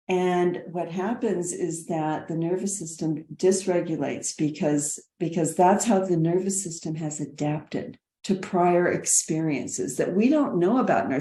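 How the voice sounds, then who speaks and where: Low-voiced woman teaching, echoey room. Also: mellow. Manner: earnest, often repeats words while explaining. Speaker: nursing educator. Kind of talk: explaining slides in a presentation.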